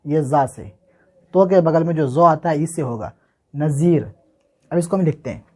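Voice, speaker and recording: A man with a slightly raised voice gives a casual writing lesson. He spells words out letter by letter, says them again and again, and asks and answers his own questions as he teaches. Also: a little high. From Bihar, India. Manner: repeats words slowly, asks and answers himself. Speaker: Urdu handwriting teacher.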